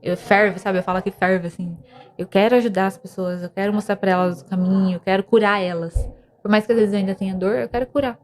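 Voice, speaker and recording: Her delivery is quick, with medium pitch and fairly even intonation. The young woman is a podcast guest sharing an earnest, emotional account of faith and depression, with many restarts along the way.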